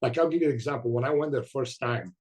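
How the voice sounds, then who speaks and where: Animated interviewer, Bulgarian-born man. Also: mid-range voice, fast. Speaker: host. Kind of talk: casual interview chat.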